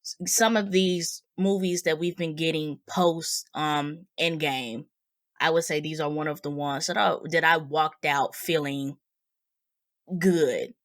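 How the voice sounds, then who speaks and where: A woman's voice: deep voice, steady tone, slow pace, dry recording, clean studio sound. A woman hosting a review podcast, talking in an informal, slangy, conversational way. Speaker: podcast host. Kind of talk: casual movie review podcast.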